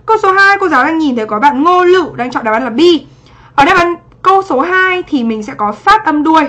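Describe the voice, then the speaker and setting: Her voice sits high and is expressive, fairly quick and sharp in tone. She's an English teacher reviewing for an exam on livestream, greeting viewers by name, keeping it chatty and confirming after each point that they're with her.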